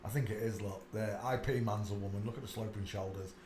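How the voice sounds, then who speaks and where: Going through pictures on his channel, the male host talks quickly in a steady, low-leaning, darkish voice. His casual monologue rambles insistently, with many asides and "uh"s. There's a little hiss or hum, and the room is echoey with faint ambience.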